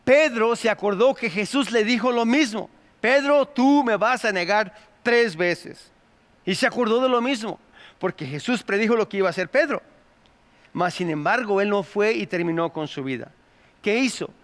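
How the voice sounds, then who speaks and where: A man's voice: high voice, lively intonation, moderate pace, fairly bright tone. A man with a Mexican accent preaching a sermon, calling his listeners "brother" and asking them rhetorical questions. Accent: Mexican Spanish. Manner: addresses the congregation as "hermano", rhetorical questions. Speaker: pastor. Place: church sanctuary. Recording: long hall reverb.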